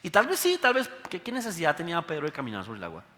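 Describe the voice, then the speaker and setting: A man preaching a lively sermon as pastor, full of rhetorical questions. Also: on the high side, racing. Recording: long hall reverb.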